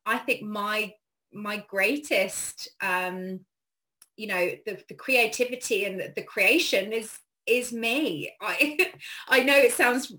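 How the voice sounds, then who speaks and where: A woman's voice: mid-range voice, bright, forceful tone. A woman being interviewed, talking earnestly and reflectively, with frequent "you know" and "like.". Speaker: interview guest. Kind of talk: casual reflective conversation.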